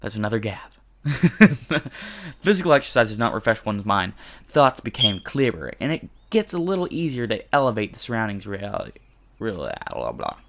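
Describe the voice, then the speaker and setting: A man's voice: lowish voice, big pitch swings, normal speed, a bit bright, slight background noise. A young man hosting a let's play, reading a visual novel's narration aloud and breaking off for jokey, self-deprecating asides with casual swearing.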